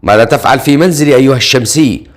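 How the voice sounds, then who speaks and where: A jealous, hot-headed husband rages at a guest in his home, as a male narrator puts him on. His voice climbs higher and louder than the narration, sharp with indignation. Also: very animated, quick pace. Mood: furious. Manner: raised, indignant voice.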